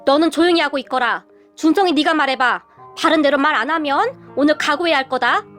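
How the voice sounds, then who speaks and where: A woman's voice: high-pitched, fairly quick, a bit bright, faint music behind. A woman voicing a stern elderly father-in-law who gives firm commands. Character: stern elderly father-in-law, slow to anger but fearsome.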